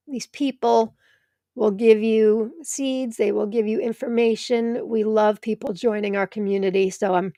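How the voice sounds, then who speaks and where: Middle-aged american lady on a livestream, gravelly voice, dry close sound, chatting with viewers by name. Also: medium pitch, a little mellow, no echo. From United States. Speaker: host of a live tomato show. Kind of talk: live stream chat reading comments.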